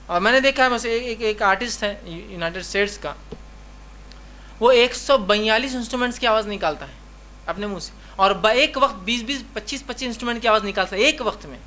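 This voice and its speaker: Forceful-voiced man giving a religious lecture. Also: sits high, slight background noise. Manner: conversational, with rhetorical questions and repeated reminders. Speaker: Islamic lecturer.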